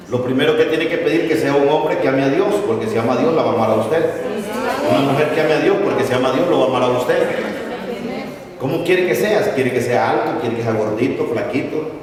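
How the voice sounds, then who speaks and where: A middle-aged man preaching a sermon, telling stories and stressing key words. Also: mid-range voice. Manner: storytelling preacher, acts out quoted voices, stresses words. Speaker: pastor. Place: large church hall. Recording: echoey hall from far off.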